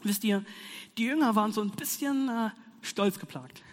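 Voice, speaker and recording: A young man giving a casual youth sermon, slangy and animated, with playful asides. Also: high-pitched, moderate pace. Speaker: youth preacher. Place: hall with audience. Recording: reverberant hall.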